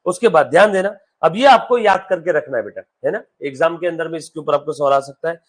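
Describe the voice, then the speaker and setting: Male commerce teacher, high voice, live classroom, quizzes students often. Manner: quizzes students, calls them beta; reads English text slowly, explains in Hindi. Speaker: accountancy teacher.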